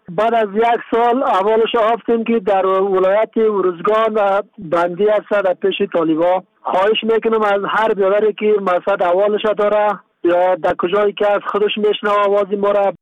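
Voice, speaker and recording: A man's voice: high-pitched, dry recording. A man from Afghanistan making an appeal for a missing person over a radio phone line. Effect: heard over a radio phone-in line.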